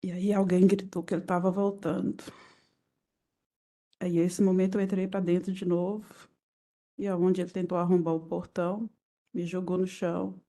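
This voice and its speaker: A woman with a Brazilian Portuguese accent testifying as a victim in court, retelling events in halting, fragmented phrases. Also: on the low side, mellow.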